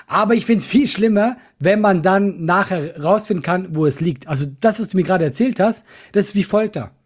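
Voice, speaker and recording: A man co-hosting a casual podcast. He mostly gives short reactions and asks teasing questions in a husky, mid-pitched voice. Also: a little fast. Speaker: podcast co-host.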